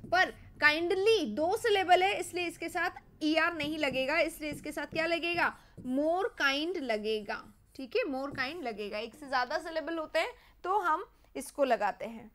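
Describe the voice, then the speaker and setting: A young English teacher preparing students for competitive exams runs a live online grammar class in Indian-accented English, her voice high-pitched and a bit bright. She blends Hindi with English, reads example sentences slowly and quizzes her viewers.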